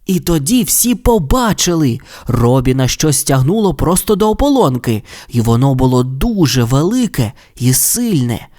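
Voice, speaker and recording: Expressive storyteller man. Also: mid-range voice, normal speed, few pauses. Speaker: narrator. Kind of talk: children's audiobook narration.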